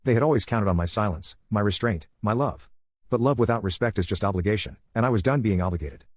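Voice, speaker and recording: Fast, husky low-voiced male narrator. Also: no echo, clean studio sound. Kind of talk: first-person scripted story narration.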